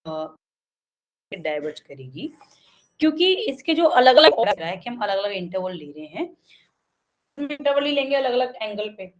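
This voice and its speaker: A medium-pitched, sing-song woman with an Indian accent tutors an online math class, slowly reading English lines and explaining them in Hindi. She uses many fillers and often checks in with "okay," and the audio sounds dull.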